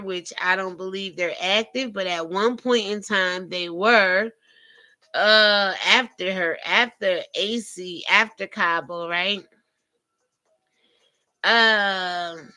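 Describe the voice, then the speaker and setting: A woman's voice: mid-range voice, pushed and bright. A woman hosting a live call-in show, giving informal, emphatic commentary and speaking directly to her listeners.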